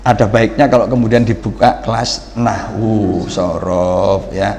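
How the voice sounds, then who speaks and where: A man giving a lively religious lesson, explaining Arabic grammar to the audience with shouted examples and asides. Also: on the low side, a little slow, gravelly, a little hiss or hum. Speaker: religious teacher. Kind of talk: Ramadan religious lecture to an audience. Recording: echoey hall with long reverb.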